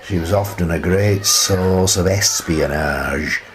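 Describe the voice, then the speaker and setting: In a radio play monologue, an actor portrays an eccentric, gentle, wistful old grandfather who lives in a playhouse. The British character speaks very unhurriedly in a deep voice, rambling with hesitations and pauses as he reflects. His mood is fond and nostalgic.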